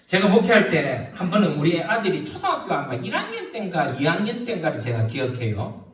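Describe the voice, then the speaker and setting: A man preaching a sermon as a pastor, telling a story with lively rhetorical questions. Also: high voice, echoey room, distant mic, slight background noise.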